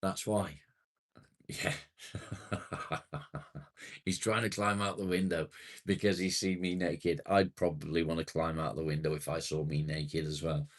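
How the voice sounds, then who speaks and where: In his late forties, this livestream host goes through viewer comments in a laid-back, friendly chat, now and then swearing. His low voice shows little pitch movement, and his pace is measured with frequent pauses.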